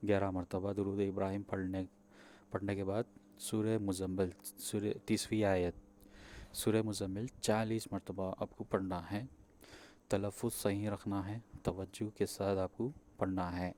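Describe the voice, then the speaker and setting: A man with a Pakistani Urdu accent walks listeners through a ritual, step by step. His voice sits low and dark, with little rise or fall, and he keeps checking in and repeating himself. Faint noise hums behind him. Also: level tone. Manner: repeats steps, checks in with "theek hai"; hesitant, with fillers and restarts. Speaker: spiritual practitioner teaching a ritual. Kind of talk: spoken instruction to viewers.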